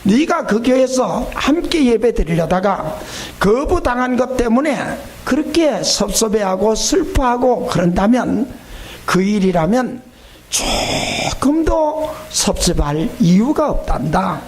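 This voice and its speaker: A male preacher voicing Jesus as a tender, fatherly man speaking gently to a grieving believer. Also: very high voice, sing-song, takes it slowly, full character voice.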